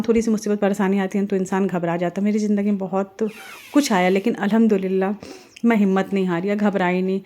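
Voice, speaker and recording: A middle-aged woman from India chats on in a loose, rambling voice-over while she cooks at home. Her pitch sits in an ordinary middle range, and she drifts from kitchen talk into earnest, faith-filled advice. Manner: chatty, rambling, warm-hearted advice with religious phrases. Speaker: family vlogger and mother. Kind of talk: casual voice-over while cooking.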